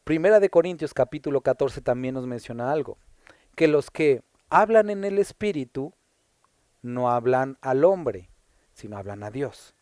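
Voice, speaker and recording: A man's voice: mid-range voice, animated, normal speed, darkish tone, no room sound, clean studio sound. A man from Mexico with a Puebla accent, a pastor teaching the Bible verse by verse in a conversational style, stopping to ask rhetorical questions. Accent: Puebla Mexican Spanish.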